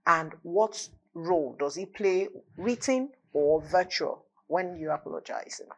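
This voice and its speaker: A woman's voice: on the low side, lively intonation, measured pace. A woman hosting a TV panel discussion, asking questions in a reflective way and drawing on her own example.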